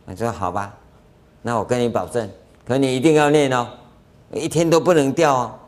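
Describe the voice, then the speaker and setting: A man with a Taiwanese Mandarin accent, speaking at medium pitch and a moderate pace, delivers a dharma lecture as a Buddhist master in a lecture hall. His storytelling is animated, full of anecdotes, acted-out dialogue and chuckles.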